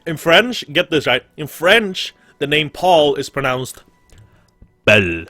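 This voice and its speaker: A man's voice: on the high side, lively intonation, a little slow, sharp tone, no room sound. A young man giving casual, rambling let's play commentary and swearing freely. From Sweden. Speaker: gaming streamer. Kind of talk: let's play commentary, reading game text aloud.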